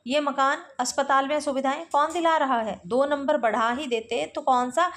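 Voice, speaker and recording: Exasperated middle-aged wife, sharp and nagging, a little high, read by a woman. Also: steady tone, normal speed. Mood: reproachful. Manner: sharp, complaining questions. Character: exasperated middle-aged wife scolding her idealist husband. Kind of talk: reading a play aloud for exam study.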